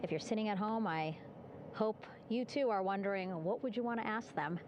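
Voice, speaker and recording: A woman's voice: mid-range voice, moderate pace, lo-fi sound. Upbeat female live commentator, conversational, mid-range voice, over noticeable background noise. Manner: upbeat, chatty, warm-hearted narration with light laughs. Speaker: broadcast commentator.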